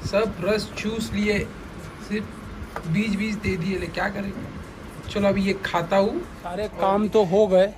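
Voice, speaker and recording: A man's voice: high-pitched, noisy background. A young man vlogging in casual chat, joking and talking straight to his viewers. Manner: chatty and joking, addresses viewers directly.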